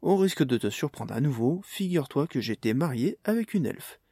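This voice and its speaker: A man's voice: on the high side, lively intonation, mellow, dry recording, studio quality. A man voicing an awkward, hesitant man who stammers and trails off. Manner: stammering, halting.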